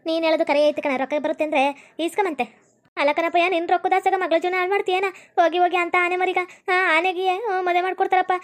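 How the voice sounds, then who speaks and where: Very high-voiced North Karnataka woman. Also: little pitch movement, fast talker. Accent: North Karnataka Kannada. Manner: rustic, scolding, complaining. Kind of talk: cartoon comedy voice acting.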